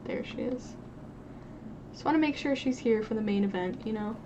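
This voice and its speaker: A woman's voice: a little high, expressive, normal speed, muffled recording. A young woman streaming a game and chatting casually, swearing and talking to the characters as she plays. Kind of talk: casual gameplay commentary. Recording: noisy stream audio.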